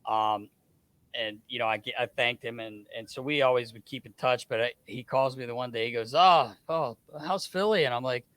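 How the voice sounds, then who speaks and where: A man's voice: mid-range voice, brisk, clean tone, no echo. A middle-aged man, a guest on a podcast, telling stories in casual chat, acting out what others said with many restarts. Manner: animated storyteller, acts out quoted dialogue, frequent restarts. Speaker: guest, hockey scout.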